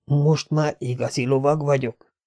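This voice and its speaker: A man reading the lines of a big, stubborn young hedge knight in a fantasy audiobook, blunt and forceful. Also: on the high side, pitched above the performer's own voice, close to an everyday voice. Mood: dazed.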